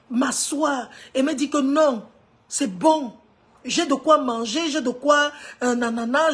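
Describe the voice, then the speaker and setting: A woman in her fifties speaks with a Cameroonian French accent, her voice sitting a little high. She gives an earnest motivational talk to viewers of her live stream. Her delivery drops to hushed tones at some points and rises to emphatic ones at others.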